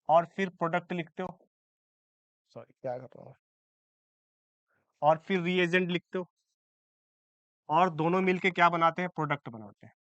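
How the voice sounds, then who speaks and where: Mixing Hindi and English, a man gives an exam-prep chemistry lecture in a high, a bit bright voice. He regularly checks in with the class and corrects himself when he slips. The sound is lo-fi, with no echo.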